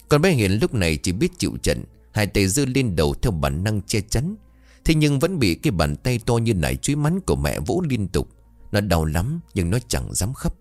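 A male storyteller reads a ghost tale with a low voice that rises and falls expressively. The sound is dry and close, with faint music playing underneath. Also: no room sound. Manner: expressive, dramatic reading.

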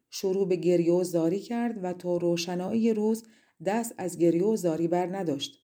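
A woman reads a fairy tale aloud for an audiobook, measured and storytelling. Her voice is low-pitched and mellow, warm rather than bright. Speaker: audiobook narrator. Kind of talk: scripted fairy-tale narration.

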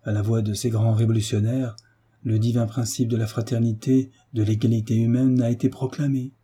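A man voicing a passionate tutor who preaches with rising fervour, in a dark, husky voice. He speaks like an orator and leans hard into his big words. It is read in an audiobook. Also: medium pitch, level tone, fairly quick, natural voice. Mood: solemn. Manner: impassioned, oratorical. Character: fervent male tutor, middle-aged, idealistic. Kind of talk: audiobook reading.

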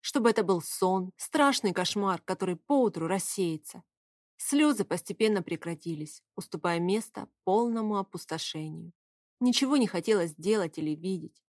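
Expressive woman reading a novel aloud. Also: medium pitch, normal speed, dry recording, studio quality. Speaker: audiobook narrator. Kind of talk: first-person novel narration.

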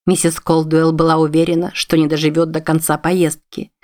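A woman narrating a novel aloud in a steady, measured storytelling manner. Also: sits low. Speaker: audiobook narrator.

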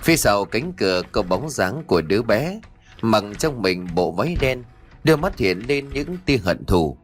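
Low-voiced man narrating a horror story. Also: sing-song, moderate pace. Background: faint music.

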